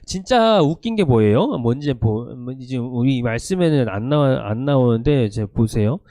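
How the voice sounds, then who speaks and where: Animated man preaching to teens. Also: medium pitch, moderate pace, no room sound, studio quality. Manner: animated storytelling, acting out quoted lines. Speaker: youth pastor. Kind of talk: sermon to teenagers. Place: church, online service.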